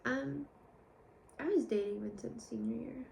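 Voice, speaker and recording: A young woman in a casual confessional vlog, rambling candidly and sometimes dropping to a soft whisper. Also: fairly high pitch, unhurried, vocal fry, slight background noise. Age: young adult. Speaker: vlogger.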